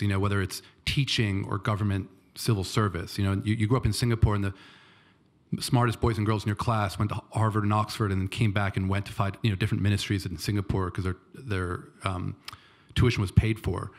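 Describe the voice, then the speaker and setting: A man stands to ask the panel a question, his voice sitting low. He lays out his reasoning in an unhurried, explanatory way. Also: steady tone. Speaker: audience questioner. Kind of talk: question from the floor.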